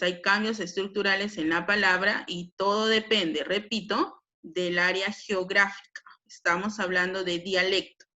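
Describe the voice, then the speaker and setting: A woman's voice: mid-range voice, sharp tone, highs cut off. A Peruvian woman teaching a language lesson, explaining patiently with frequent tag questions. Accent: Peruvian Spanish. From Peru.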